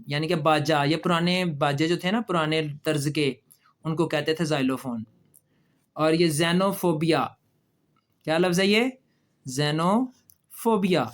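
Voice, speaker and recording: A man teaching a pronunciation lesson, patiently repeating example words slowly for children and asking them questions. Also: on the high side. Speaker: English teacher. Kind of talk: classroom lesson explaining pronunciation.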